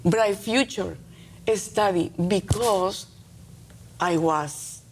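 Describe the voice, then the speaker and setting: A middle-aged woman with a Colombian accent answers interview questions as a teacher. She speaks halting, earnest English in short, emphatic phrases, her pitch ordinary for a woman. A faint noise sits behind her voice. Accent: Colombian Spanish. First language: Spanish.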